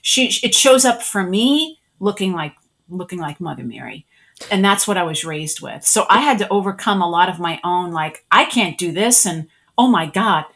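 A middle-aged woman with a somewhat low voice tells her personal story in a relaxed interview. She talks casually and brings her past thoughts to life in quoted lines. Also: moderate pace. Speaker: guest, spiritual energy worker.

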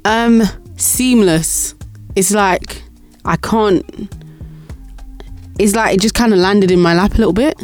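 A woman's voice: medium pitch, takes it slowly, long pauses. Young london woman chatting on a pod, easygoing, laughs a lot, bit of music under. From South East London. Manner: easygoing, giggly, warm replies. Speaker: singer-songwriter guest. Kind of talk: casual interview chat.

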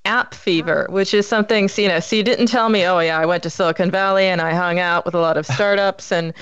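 A woman's voice: on the low side, steady tone, fast, a bit bright, clean tone, no room sound, dull audio. A woman hosting a marketing podcast, chatty and enthusiastic, often repeating words as she talks. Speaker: podcast host. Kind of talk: casual interview chat.

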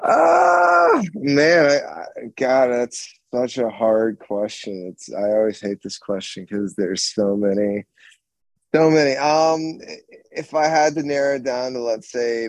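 A man's voice: mid-range voice, dry recording. Rock band guy rambling thru a story, lots of ums and restarts, mid voice, dry sound. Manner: rambling, animated, with many restarts and fillers. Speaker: guitarist and screamer in a rock band, guest. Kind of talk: casual storytelling chat.

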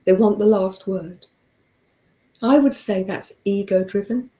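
A hoarse woman hosts a motivational talk show, speaking in an earnest, coaching way. Her voice is very dark and mellow. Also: medium pitch, steady tone, a little slow, rough recording. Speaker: host.

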